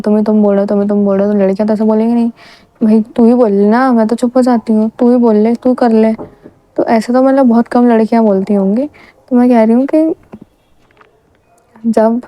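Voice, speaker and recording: A young woman talks straight to the listener, giving loose, rambling advice. She keeps calling them "bro" and often stops to correct herself. Her voice is very dark and mellow, and the recording is close and completely dry. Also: on the high side, no echo, poor audio. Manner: rambling, with frequent restarts and self-corrections. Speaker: vlogger giving dating advice. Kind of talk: casual advice monologue to camera.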